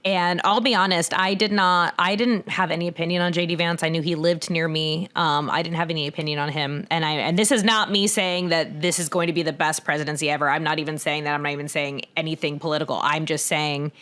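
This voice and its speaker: A woman in her thirties talks through a topic on a podcast in a loose, conversational way. Her voice sits a little low, and she often breaks into laughter or jumps up in pitch when she acts out what people said. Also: fairly even intonation, quick pace, hardly any pauses, fairly bright tone. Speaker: podcast co-host. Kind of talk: casual conversational explanation.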